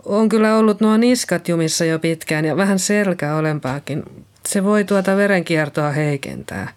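A reader voicing Liisa, a nervous middle-aged nurse who found a body and speaks in a hesitant, shaky way. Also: female voice, on the low side, a little mellow, close to an everyday voice. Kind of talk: audiobook reading.

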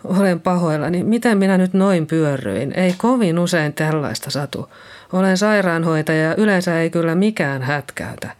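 In this audiobook reading, a mid-range, lightly acted voice plays a middle-aged woman nurse, unsettled and anxious while police question her. She sounds hesitant and keeps apologizing.

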